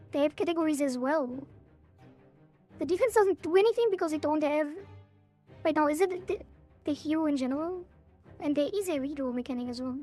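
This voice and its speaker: Female gameplay commentator, high-pitched, casual, thinking out loud, faint music underneath. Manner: thinking aloud. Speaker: game streamer. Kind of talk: casual gameplay commentary, reading game text aloud.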